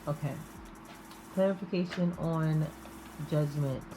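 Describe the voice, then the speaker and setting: Slow, low-pitched woman musing through a reading. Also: noisy background. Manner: halting, musing, with drawn-out pauses and sighs. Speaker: tarot reader. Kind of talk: improvised intimate tarot reading.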